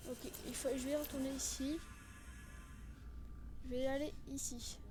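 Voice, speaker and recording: A woman from France streaming a video game, chatting excitably with her viewers and laughing at her own mistakes. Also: high voice, unhurried, noisy background. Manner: chatty, excitable, self-mocking, talks to chat. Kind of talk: casual let's-play commentary. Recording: game music playing underneath. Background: video game music.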